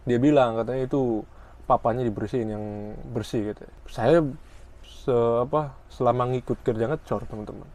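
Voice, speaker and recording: A man from Indonesia tells a casual story in an animated, slangy way. He swears freely, and his voice sits at an ordinary middle pitch. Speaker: vlogger.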